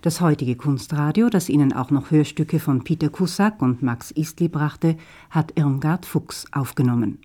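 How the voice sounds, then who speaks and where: Radio announcer, mellow mid-pitched voice, reads credits in an even, formal way. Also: normal speed, few pauses. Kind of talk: scripted broadcast credits.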